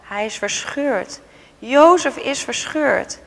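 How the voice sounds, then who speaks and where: A woman reading a Bible story aloud, voicing a grief-stricken old father who laments loudly and slowly. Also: mid-range voice, gravelly. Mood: anguished. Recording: long hall reverb.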